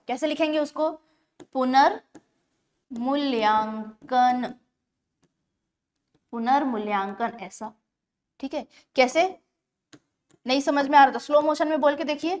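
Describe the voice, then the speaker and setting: A woman teaching an exam-prep grammar lesson, explaining step by step and slowing down to spell words out syllable by syllable. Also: sits high. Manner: explains step by step, often checks in with the class.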